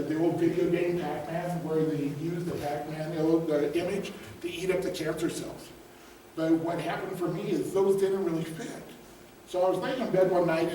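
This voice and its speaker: Man, middle-aged, motivational speaker, chatty and humorous, questions to the crowd, very echoey room, faint background noise. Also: fairly high pitch. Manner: conversational and humorous, asks the audience questions. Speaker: guest speaker, business coach. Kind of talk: motivational storytelling talk. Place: event room before a live audience. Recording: roomy echo, distant mic, faint noise.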